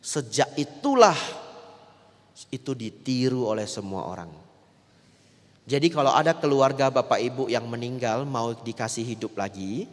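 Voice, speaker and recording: A man, a Buddhist monk giving a lively dharma talk that often turns to the audience. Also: medium pitch. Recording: long reverb of a large hall.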